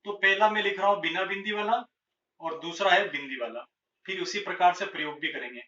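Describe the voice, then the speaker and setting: A man teaching a grammar lesson at a board, speaking slowly and deliberately and repeating each example word. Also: high-pitched, sharp tone. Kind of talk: blackboard Hindi grammar lesson. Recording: echoey room, distant lo-fi mic.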